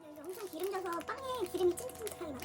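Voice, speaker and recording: High, quick-talking woman chatting while eating. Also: expressive, noisy background. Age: 40s. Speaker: vlogger. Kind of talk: casual chat to camera while eating.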